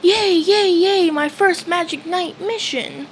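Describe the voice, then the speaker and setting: A woman voicing a loud, excitable young male hero who yells shrilly. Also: slow, a little hiss or hum, exaggerated voice. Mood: excited. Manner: shrill yelling.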